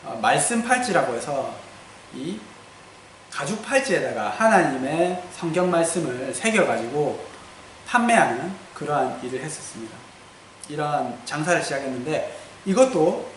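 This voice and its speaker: A young man giving a personal faith testimony in church, speaking earnestly and often pausing to search for his words. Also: fairly high pitch, expressive, slight background noise. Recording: echoey room, mic far off, faint ambience.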